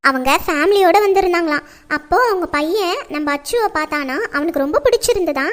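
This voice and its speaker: A woman plays a strict middle-aged mother who scolds and lectures without pause. Her voice sits very high and piercing. She pleads and insists in the manner of a family drama. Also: lively intonation. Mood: persuading.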